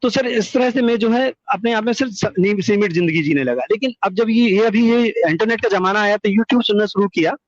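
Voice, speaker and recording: On a dull, lo-fi phone recording, a middle-aged man calls in to tell his life story as personal testimony in conversation. He talks fairly quickly with few pauses in a high voice, with no room sound. He's earnest and wordy, repeating words for emphasis.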